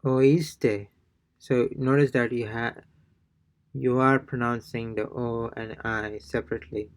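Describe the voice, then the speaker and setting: A man's voice: mid-range voice, little pitch movement, measured pace. A man teaching a casual language lesson, hesitant, with many fillers and restarts. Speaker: Spanish teacher.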